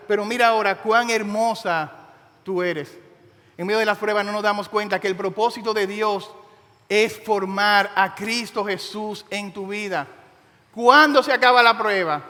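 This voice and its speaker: A man preaching a sermon, telling a story with dramatic, emphatic pauses. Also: high voice, sharp tone, big-room sound. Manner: impassioned, dramatic storytelling with slow emphatic phrases.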